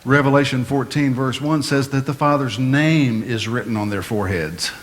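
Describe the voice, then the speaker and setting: A male pastor giving a measured, explanatory Bible-teaching sermon, asking his listeners questions as he goes. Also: medium pitch. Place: church sanctuary. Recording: long hall reverb, faint room noise.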